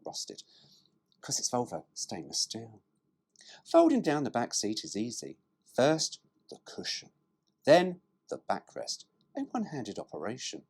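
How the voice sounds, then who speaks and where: A man with a husky, mid-range, medium-pitched voice reads car brochure copy and breaks off for cheeky, informal jokes, swearing now and then. His intonation jumps constantly in huge pitch swings, while his delivery stays unhurried and a little mellow.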